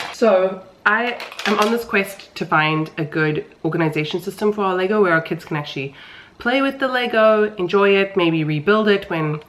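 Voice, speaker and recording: Low-pitched woman with a congested, pinched-nose sound. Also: noisy background. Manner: rambling, self-deprecating, informal. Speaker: vlogger, mother of young children. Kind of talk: casual chatty home vlog.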